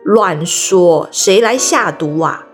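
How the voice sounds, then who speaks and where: A woman voicing a brave, eager young boy hero in a storybook reading, with soft music behind. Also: lowish voice, slow, voice pushed down. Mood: dismissive. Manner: bright, excited, calling out.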